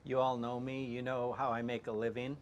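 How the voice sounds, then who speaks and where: An actor playing a gruff shark hunter, reading his lines flatly in his own plain voice and stumbling over them. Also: mid-range voice, lo-fi sound, slight background noise, close to an everyday voice. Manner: flat, halting line reading in his plain voice. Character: gruff middle-aged male shark hunter, flat and halting. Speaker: performer doing a movie scene reenactment.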